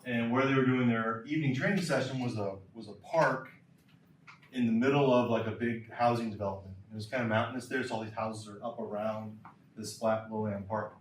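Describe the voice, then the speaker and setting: A man's voice: medium pitch, steady tone, brisk, distant mic, slight background noise. A man coaching throwers in a clinic lecture, emphatic and repeating key points, in a lecture hall. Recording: roomy lecture hall from afar.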